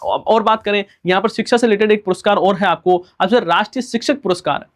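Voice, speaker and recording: Male tutor, fairly high voice, quick recorded lecture, asks and answers himself. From India. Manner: rhetorical questions and repeated answers, student-style replies; fast-talking. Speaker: teacher. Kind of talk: recorded exam-prep lecture.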